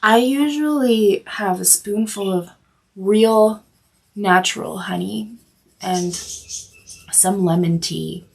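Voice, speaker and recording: Lady with a cold doing a live drawing lesson, slow, gravelly husky voice, lots of ums. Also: medium pitch. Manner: chatty, apologetic, hesitant with fillers. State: has a cold, coughing. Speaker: art instructor. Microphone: livestream setup.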